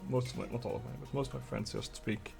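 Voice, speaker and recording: Young male streamer with a Swedish accent, a bit of fry, swears and talks to himself while coding. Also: medium pitch, steady tone, fast talker, darkish tone, soft background music. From Sweden. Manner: muttering while coding, swearing, chatting with viewers. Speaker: game developer streamer. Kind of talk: casual live-coding stream.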